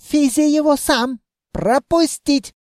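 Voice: high-pitched, slow, a little mellow, dry recording, clean studio sound, pitched above the performer's own voice. A reader voicing a haughty elf officer with a foreign accent. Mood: shouting. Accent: put-on foreign accent, v spoken as f. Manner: barked curt commands. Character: haughty male elf officer guarding a gate. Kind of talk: audiobook reading.

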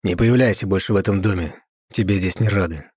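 A cold, contemptuous count with a deep, husky voice, read by a man. His words come out cutting, and the recording is dry and close. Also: a little fast, darkish tone, no echo. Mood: cold contempt.

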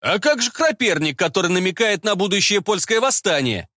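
A man's voice: high-pitched, lively intonation, brisk, sharp tone, no room sound, clean studio sound, voice pushed up. A man voicing a bored, blunt young army lieutenant in an audiobook. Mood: offhand.

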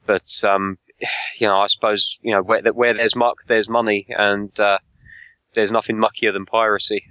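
Bright-voiced man, hesitant and jokey. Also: lowish voice, level tone, moderate pace, no echo, highs cut off. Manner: hesitant, many fillers, jokey. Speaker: podcast co-host. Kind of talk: casual chat.

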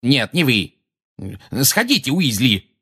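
A man's voice: medium pitch, very animated, a little fast, fairly bright tone, voice pushed up. A man doing a sneering pompous minister. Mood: haughty. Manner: sneering, haughty. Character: pompous scornful middle-aged male minister.

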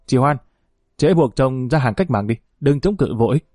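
A man's voice: medium pitch, animated, normal speed, mellow, no echo, clean studio sound, lightly acted. A man reading the part of a young guerrilla commander, speaking in curt, urgent commands. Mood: commanding.

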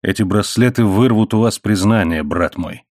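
A man reading an audiobook, voicing a sardonic man who speaks in quiet, mocking tones. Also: on the low side, normal speed, no room sound, clean studio sound, lightly acted. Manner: quietly mocking, grimly sarcastic. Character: sardonic cold-hearted man taking revenge.

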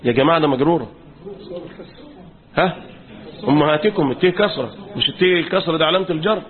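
Crowd noise surrounds an Egyptian sheikh as he delivers a classroom lecture on Quran commentary in an Egyptian Arabic accent. Talking fast in a fairly high voice, he keeps quizzing the class with fill-in questions. The audio has a tinny, phone-like quality.

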